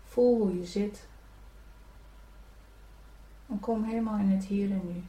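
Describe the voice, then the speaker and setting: Slow, soothing woman guiding a meditation. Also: mid-range voice, steady tone. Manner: slow, soothing, gentle instructions. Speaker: meditation guide. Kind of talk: guided spiritual meditation. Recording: echoey room, from a distance.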